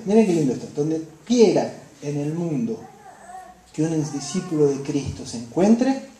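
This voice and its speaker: Dark-voiced Rioplatense woman preaching. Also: fairly low pitch, a little hiss or hum. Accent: Rioplatense Spanish. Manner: impassioned, swings between soft hushed phrases and raised emphatic ones. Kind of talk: sermon. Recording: echoey room.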